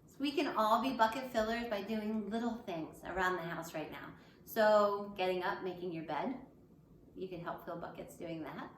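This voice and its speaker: A woman who teaches elementary school speaks at a mid-range pitch and moderate pace while reading a picture book to young children. She adds simple, encouraging comments for her pupils, in an echoey room with a little background noise.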